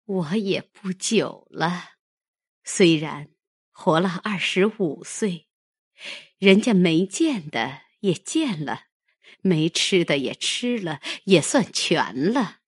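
A woman voicing a proud, sharp-tongued young noblewoman who is ill and weary, speaking with scorn in an audiobook. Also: fairly low pitch, expressive, slow, husky, dry recording, studio quality, full character voice. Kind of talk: audiobook character reading.

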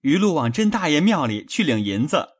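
Brief: woman doing a frightened young male servant, groveling and rushed, voice dropped low, lively pitch. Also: slightly rough, exaggerated voice. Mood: cowering, pleading. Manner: pleading, hurried, fearful.

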